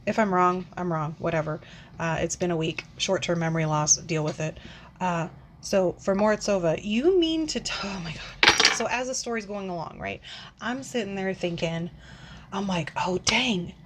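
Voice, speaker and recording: A woman's voice: lowish voice, moderate pace, noisy background. A woman in her forties ranting casually into the camera, rambling and swearing, with frequent sighs and filler words. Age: 40s. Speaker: book vlogger. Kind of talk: casual rant.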